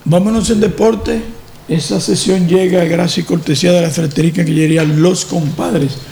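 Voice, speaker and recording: A man with a Dominican accent hosting a sports segment on a talk show, animated and repeating phrases for emphasis. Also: sits high, a little fast, gravelly. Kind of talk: radio talk show chat.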